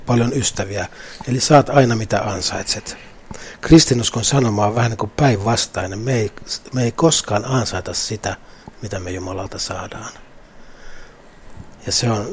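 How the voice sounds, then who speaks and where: Man, middle-aged, lowish voice, earnest reflective talk, faint background noise. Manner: earnest, thoughtful, with restarts. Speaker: guest.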